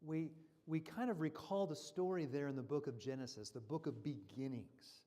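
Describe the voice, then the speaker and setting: Animated, higher-voiced man giving a church seminar. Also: normal speed. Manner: animated, acts out quoted voices. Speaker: guest speaker. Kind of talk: seminar talk. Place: church hall.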